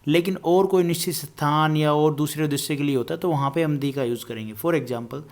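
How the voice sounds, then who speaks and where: A man teaches English grammar to a class in Hindi, speaking in a casual, explanatory way and addressing the students directly. When he reaches the English examples or word lists, he slows down and reads them out one by one, sometimes saying a word twice. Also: a little high, a little mellow. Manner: lists words one by one, repeating some.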